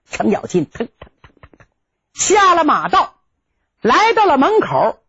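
A woman performing a traditional story with a lively, dramatic delivery. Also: sits high, breathy edge. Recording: dull lo-fi recording.

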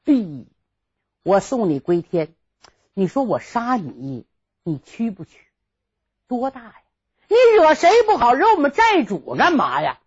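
Coarse drunken male bandit, woman storyteller playing him, gruff mocking drawl, husky; dull lo-fi recording. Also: a little high, huge pitch swings, a little slow, long pauses, darkish tone, dry recording, heavily acted.

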